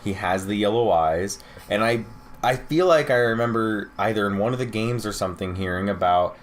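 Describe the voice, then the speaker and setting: A man's voice: fairly low pitch, moderate pace. A young man chatting casually as he reviews a video game trailer. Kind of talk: casual chat. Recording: steady background room noise.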